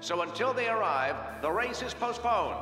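An actor playing a male city official who makes a formal public announcement over a loudspeaker and slips into dry, offhand asides. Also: sits high, lively intonation, moderate pace. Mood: announcing. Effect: public-address loudspeaker. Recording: echoey distant loudspeaker over music.

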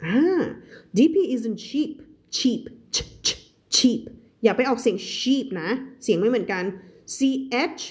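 A woman's voice: medium pitch, a little fast, darkish tone. A woman English teacher giving a live reading lesson, explaining words one by one and repeating them to drill stress and sounds.

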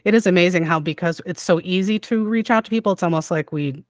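A podcast host chats with a guest in an easy, affirming way, full of "um" and "you know". The voice sits at a middle pitch. It is recorded dry and close, with little room. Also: fast talker, dry recording. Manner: chatty and affirming, many "um" fillers and backchannels. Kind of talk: casual podcast interview.

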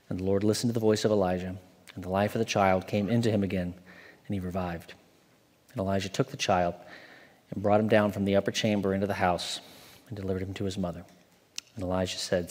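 Man, 40s, associate pastor, measured scripture reading and sermon, church hall reverb. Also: sits low. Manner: measured, reads aloud slowly from an open Bible. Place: church stage, large indoor hall.

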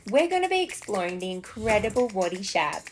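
Lively woman narrating a travel vlog. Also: mid-range voice, fairly quick, a little hiss or hum. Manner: bright, enthusiastic. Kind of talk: scripted travel voice-over.

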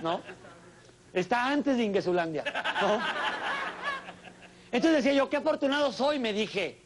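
Male comic, exclamatory stage delivery, high-pitched. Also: slight background noise. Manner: theatrical, exclamatory, addresses live audience. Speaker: stand-up comedian host. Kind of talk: stand-up monologue. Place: television studio stage with audience.

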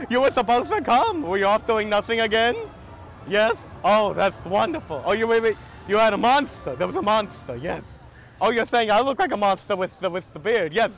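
A young man switching between impression voices of sweet, excitable cartoon characters in playful in-character chat. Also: high voice, normal speed, heavily acted, poor audio. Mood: playful, teasing. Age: young adult. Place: outdoors at a busy theme park. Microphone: camera a few steps away. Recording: outdoor theme park crowd noise.

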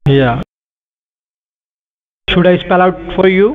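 This man claims to be an officer, but he is running a scam over the phone, and the line sounds tinny with background noise. His voice sits high and he takes his time, repeating his instructions in a formal, pushy way.

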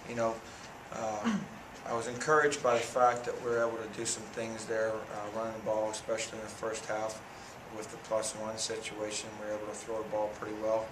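A man in his thirties talks after a game in a low, even voice that barely rises or falls. He is a football coach at a press conference, picked up from across an echoey press room by a distant camera, with a steady hiss of noise under him. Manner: plain, measured, many fillers and restarts. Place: press room in front of a sponsor backdrop. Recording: echoey room audio from a far camera, noisy.

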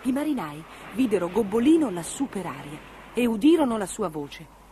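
A woman narrating a children's storybook with an expressive, lively reading. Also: medium pitch, moderate pace, slight background noise.

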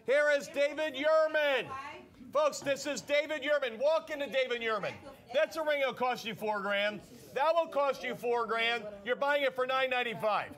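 High-voiced man repeating sales pitches. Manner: fast, repetitive, urging viewers to yell sold. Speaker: shopping show host.

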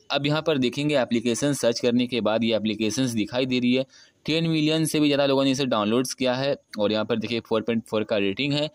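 Here a tutorial host in his early twenties or so, about twenty, walks through a phone app step by step, unscripted and repetitive, over a screen recording. His pitch is medium and there's no echo.

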